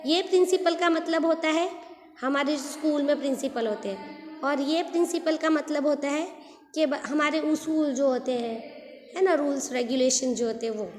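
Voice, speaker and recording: Patient teacher lady spelling words out slowly for little kids, echoey room with a long reverb. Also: sits high, slight background noise. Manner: slow, patient, repeats and spells out words letter by letter. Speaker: school English teacher. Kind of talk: explaining homophones to young children.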